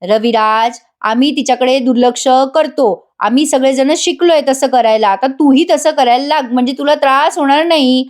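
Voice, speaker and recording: Woman doing calm elderly patriarch, advising, high-pitched voice. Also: normal speed, hardly any pauses, lightly acted.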